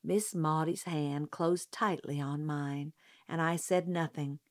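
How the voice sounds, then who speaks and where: A woman reads a novel aloud in a calm, measured storytelling voice. She takes her time over every sentence. Her voice sits on the lower side, and she never pushes it. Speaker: audiobook narrator. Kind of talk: scripted narration.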